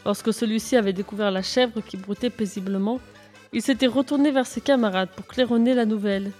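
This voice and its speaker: Woman reading a children's story aloud. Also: fairly quick. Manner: lively, raising pitch and volume for dialogue. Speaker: narrator. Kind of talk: storybook reading with character voices. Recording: faint music behind. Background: faint music.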